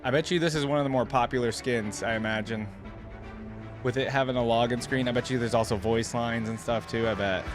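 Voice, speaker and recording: A man with a medium-pitched, steady voice and a brisk pace hosts a video, giving casual, slangy and enthusiastic reaction commentary. Game theme music plays behind him.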